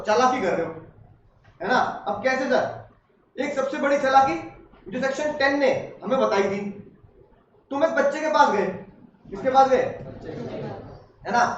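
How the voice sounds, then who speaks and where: A man's voice: extremely high pitch, dull audio, a little hiss or hum. A man lecturing a law class, playful and teasing, asking his students questions. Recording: distant echoey classroom recording.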